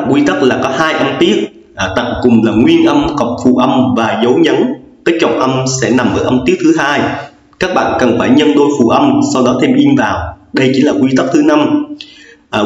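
A male teacher walks through a grammar lesson at a steady, patient pace, going back over every rule with frequent fillers. The room gives a heavy, lingering echo, and the recording sounds dull and lo-fi. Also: mid-range voice, moderate pace. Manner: patient, repetitive explaining with many fillers. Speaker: English teacher.

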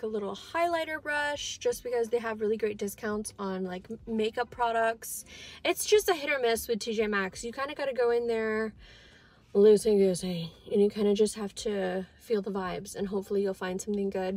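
A woman's voice: a little high, a little mellow. A woman in her twenties chatting bubbly and casually to viewers on a vlog, filmed on a phone at arm's length in a parked car. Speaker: beauty vlogger. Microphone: phone camera at arm's length.

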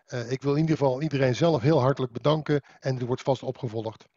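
A man's voice: mid-range voice, fast, dark tone, no echo. A man in his forties wraps up an online session through a headset, his audio dull and completely dry. He is polite but hesitant, with frequent fillers. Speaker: moderator. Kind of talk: online meeting moderation.

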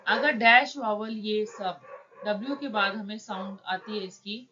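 A woman teaching shorthand, explaining each word slowly and patiently, step by step. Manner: slow, patient, drawn-out words. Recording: dull low-fi recording with faint noise.

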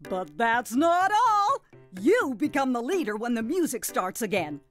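Grandma Nutt, a high, swooping jolly granny. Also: female voice, sing-song, unhurried, fairly bright tone, soft background music. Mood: cheerful, instructive. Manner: folksy, gleeful, exclamatory, chuckling. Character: jolly, doting, slightly nutty grandmother game host. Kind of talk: animated children's game narration.

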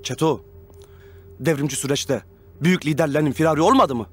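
A man's voice: a little high, a little fast, no room sound, lightly acted. A man in his thirties playing a bossy, self-important revolutionary leader in a TV comedy-drama, commanding and pompous. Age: 30s. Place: furnished rooms of a house.

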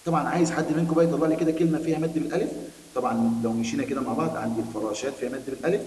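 A man with an Egyptian Arabic accent teaching a primary school Arabic lesson, quickly explaining a text to children. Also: medium pitch, steady tone, darkish tone. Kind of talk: recorded classroom lesson. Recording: echoey room, distant mic, faint hiss.

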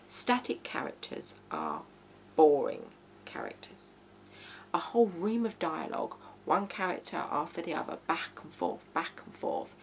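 Hum and background noise fill this informal video tutorial, where a woman in her thirties addresses the camera from a small living room. Her voice is low-pitched and gravelly as she gives blunt, emphatic writing advice.

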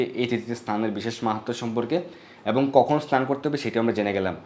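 A man giving devotional instruction in a measured, explanatory way, slowing down to recite Sanskrit mantras. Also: medium pitch, darkish tone. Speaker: Vaishnava religious teacher.

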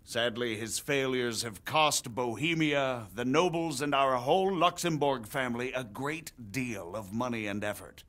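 A male actor voices a visiting margrave explaining royal politics in formal cutscene dialogue for a video game. The nobleman is middle-aged, grave, measured and persuasive. Here his mid-range, fairly bright voice sounds natural, unhurried, with few pauses.

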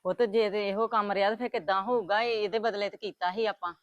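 A woman's voice: medium pitch, steady tone, fast, no echo, lo-fi sound. A woman playing a grandmother, talking in a coaxing, consoling way in a family web drama.

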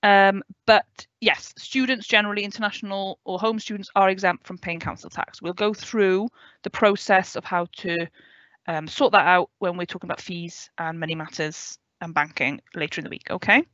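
Her pitch is medium and her intonation fairly even as this student adviser, a woman in her thirties from West Wales with a Welsh accent, talks at a moderate pace through an online orientation and answers questions. Clear and friendly, she often checks in with "okay?", her tone a bit bright. Recorded on a headset in a home room with a window, the video call audio is dry and dull with no echo.

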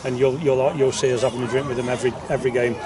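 With a crowd in the background, a man races through an informal post-match interview in a medium-pitched, level voice. He's a football manager on an outdoor pitch who keeps repeating his words. Recorded on a distant outdoor mic, with clear background noise.

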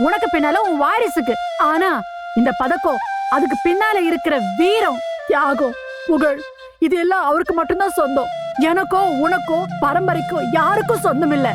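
Stern loving mother; very high voice, strong score. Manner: firm, lecturing.

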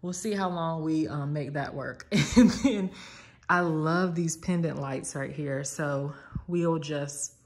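Taking her time with a darkish tone, a young low-pitched woman from the American South vlogs a walk-through of an empty house. She's chatty and enthusiastic, saying "like" often, and narrates casually into a phone camera she holds while walking through bare, echoing rooms indoors.

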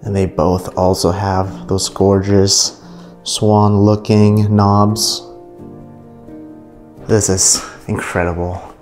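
Speaking slowly with long pauses, this urban explorer vlogger has a lowish, level, slightly mellow voice, and faint music plays behind him. He casually narrates his way through an abandoned mansion, readily impressed and full of fillers, on an indoor camera mic.

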